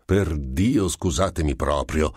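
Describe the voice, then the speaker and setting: A man reading the part of a sly, composed gentleman who probes with smooth, falsely apologetic questions. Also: extremely low pitch, expressive, a little slow, dry recording, studio quality, heavily acted.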